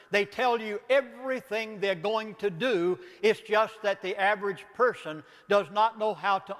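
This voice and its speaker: A man's voice: sits high, in a large hall. An older man with a Southern accent, a pastor giving an impassioned lecture, emphatic and pleading, asking rhetorical questions.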